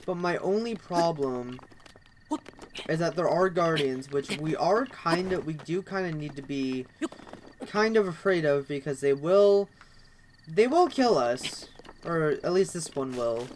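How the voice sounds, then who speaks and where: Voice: medium pitch, a little slow, a little hiss or hum, poor audio. A let's play host giving casual, rambling commentary over gameplay, with constant fillers like "actually" and "kind of".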